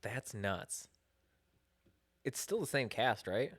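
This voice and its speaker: Young male co-host, mid pitch, blunt, skeptical, casual swearing. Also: takes it slowly, a bit bright. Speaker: podcast co-host. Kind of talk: casual chat.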